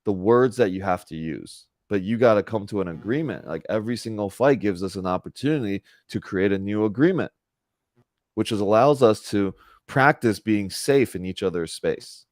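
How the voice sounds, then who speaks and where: A man's voice: lowish voice, normal speed, darkish tone, no room sound, studio quality. A man in his thirties hosting a casual spiritual talk over a video call, earnest and chatty and often correcting himself. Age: 30s. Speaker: spiritual group host.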